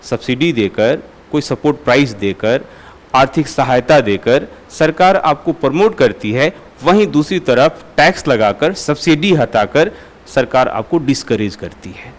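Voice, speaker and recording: A man's voice: medium pitch, expressive, unhurried. A man teaching a lecture class, asking students questions and explaining with everyday examples. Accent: Hindi. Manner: asks students questions and answers them; uses homely everyday examples.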